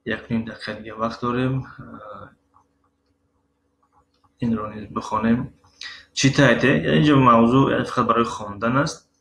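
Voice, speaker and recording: A man with a Tajik accent teaching a Russian lesson, reading example words slowly and pausing often with filler sounds. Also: medium pitch, steady tone, vocal fry, a bit bright. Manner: slow, syllable-by-syllable read-aloud of example words; halting, with frequent filler sounds. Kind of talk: recorded language lesson. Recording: roomy echo with faint ambient noise.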